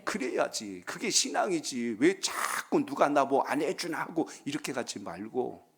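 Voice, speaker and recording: A male pastor preaching in a church sanctuary through a pulpit microphone. His voice is husky, set at an ordinary middle pitch for a man. He moves between earnest exhortation with calls for amens and light, joking stories. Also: sing-song, unhurried. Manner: preaching warmly, calling for amens, telling folksy jokes. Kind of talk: sermon at a Friday prayer meeting.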